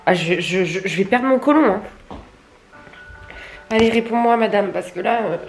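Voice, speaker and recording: Faint music plays behind a young adult woman who vlogs her stories, chatting confessionally to camera with candid, crude, colloquial grumbling and self-mockery. She speaks at a moderate pace in a medium-pitched voice.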